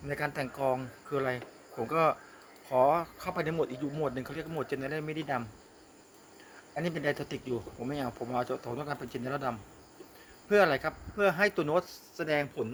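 A man hosting a casual music software tutorial, talking straight to the viewer and often asking whether they see it. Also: on the high side, a little hiss or hum. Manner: talks directly to viewer, repeats "see?" often.

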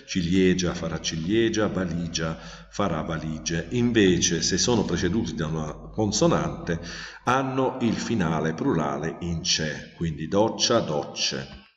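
A man's voice: low voice, unhurried. A man teaching a grammar lesson in a methodical way, with frequent hesitations while he lists examples. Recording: echoey, distant, dull lo-fi sound.

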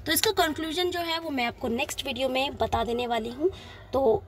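A woman's voice: high-pitched, a little fast. A woman teacher giving an exam-prep lesson over slides, patient and repetitive, mixing in English terms. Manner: patient, repeats points, mixes in English terms.

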